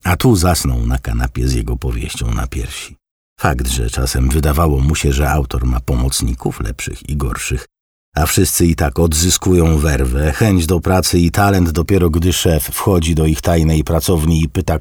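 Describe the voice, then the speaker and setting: Very deep husky male audiobook narrator. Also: a little mellow, no echo, studio quality. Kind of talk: scripted narration.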